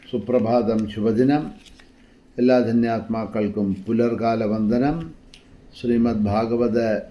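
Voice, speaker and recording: A man giving a devotional scripture discourse, chanting verses slowly and then explaining them in measured speech. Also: mid-range voice, warm tone. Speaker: religious discourse speaker.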